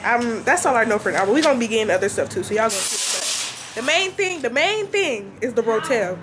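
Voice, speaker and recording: A woman's voice: a little high, animated, brisk, background noise. A young woman chatting playfully in slangy casual talk as she vlogs while shopping, filmed on a handheld camera. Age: young adult. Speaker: vlogger. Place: busy clothing store and grocery store, indoors. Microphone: handheld camera at arm's length.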